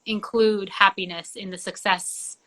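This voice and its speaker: The recording is low quality, capturing a young Georgian singer-songwriter, a native Georgian speaker, as she chats casually in an interview and uses "like" constantly. Her medium-pitched voice is bright and forceful yet steady in tone, and she speaks unhurriedly.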